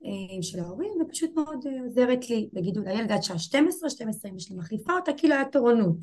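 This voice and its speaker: A woman in her twenties telling a painful personal story as an interview guest, halting and repeating herself. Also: a little high, expressive, darkish tone. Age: 20s. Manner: halting, repeats herself, voices rise and fall with emotion.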